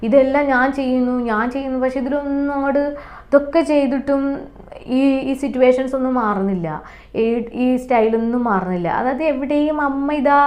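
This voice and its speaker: A woman's voice: high-pitched, fairly quick, darkish tone. A young woman speaking, telling her own story as a mother in an earnest, emotional way, with many restarts and repeated phrases. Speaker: mother sharing her experience. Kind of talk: personal testimony, casual monologue.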